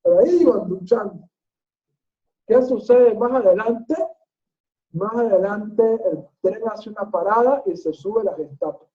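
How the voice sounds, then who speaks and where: A Torah teacher telling a story in a sermon, animated and repeating phrases in a rhythmic way. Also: mid-range voice, unhurried. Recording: tinny phone-like sound.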